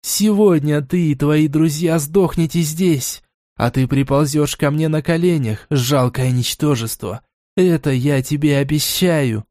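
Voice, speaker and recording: A man's voice: fairly high pitch, mellow, no echo, studio quality, close to an everyday voice. Man putting on a vengeful mad goddess. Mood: menacing. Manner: cold, menacing, slow and deliberate. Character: vengeful scornful female goddess, going mad.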